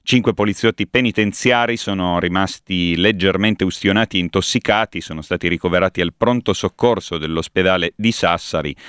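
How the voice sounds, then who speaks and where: A man reading a radio news bulletin in a steady, measured delivery at a studio microphone. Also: low-pitched, no room sound. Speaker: newsreader.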